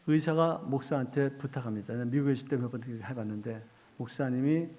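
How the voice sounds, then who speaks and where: A middle-aged male pastor preaching a sermon, quizzing the congregation and acting out quoted voices, with sudden swings between loud outbursts and hushed asides. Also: mid-range voice.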